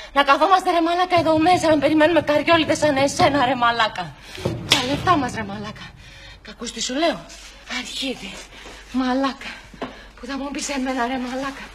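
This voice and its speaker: A woman playing a furious, foul-mouthed woman who yells insults at a man who missed a meeting. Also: sits high, noisy background, close to an everyday voice. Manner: yelling streams of insults. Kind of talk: comedy sketch acting.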